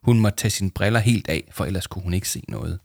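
A man calmly reading a children's book aloud as narrator. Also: low voice, gravelly, no room sound, studio quality.

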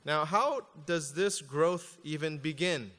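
A man preaching a sermon as pastor, reading scripture aloud slowly and then explaining it with casual asides. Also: fairly high pitch, a bit bright, big-room sound.

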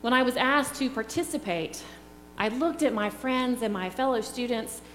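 A woman's voice: fairly high pitch, a bit bright. A middle-aged woman preaching a sermon in an earnest, reflective way. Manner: slow, earnest, reflective delivery. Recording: echoey hall with faint hum.

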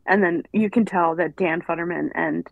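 A woman's voice: lowish voice, steady tone, normal speed, gravelly, dry recording, narrow, tinny audio. A woman guest on a podcast, chatting casually with short replies. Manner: brief backchannel replies. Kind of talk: casual chat.

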